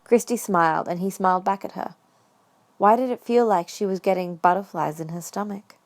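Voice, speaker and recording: In a fan fiction audio drama, a woman narrates at normal speed in a medium-pitched voice, reading a third-person script.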